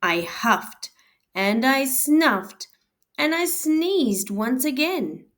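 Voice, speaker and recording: In a high, very animated voice pushed upward, a woman gives a full character performance of the wronged wolf, her tone fairly bright. She reads storybook-style with slow, drawn-out words, voicing a self-pitying male wolf who sounds aggrieved and insists he's innocent. Guitar music plays behind her.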